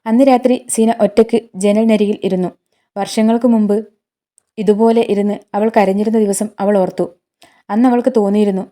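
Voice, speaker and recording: A woman narrating a scripted emotional story in a calm, measured reading. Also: mid-range voice.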